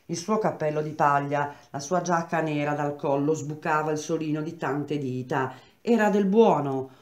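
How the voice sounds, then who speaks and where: A woman reading a novel aloud in a steady, measured storytelling voice. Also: deep voice. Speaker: reader. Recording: roomy echo.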